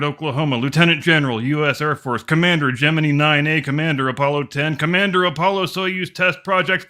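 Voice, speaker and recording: Male host, high and bright voice, sardonic profane news satire with announcer flourishes. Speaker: show host. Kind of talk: satirical news-roundup commentary.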